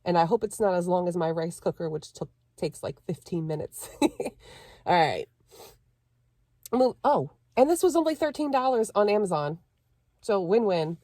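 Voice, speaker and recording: A young woman vlogging casually from inside her parked car, chatty and quick to laugh as she talks through what she is doing. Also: lowish voice, expressive, mellow, no room sound, studio quality. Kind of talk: casual vlog chat.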